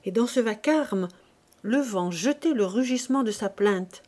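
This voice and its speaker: A woman reading a classic novel aloud as an audiobook, measured and expressive. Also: a little high. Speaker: audiobook reader.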